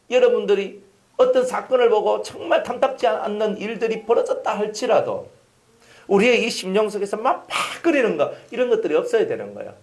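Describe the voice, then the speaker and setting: A male pastor preaching a sermon, telling stories and acting out scenes. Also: high voice. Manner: animated storytelling, acting out scenes with voices. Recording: echoey hall.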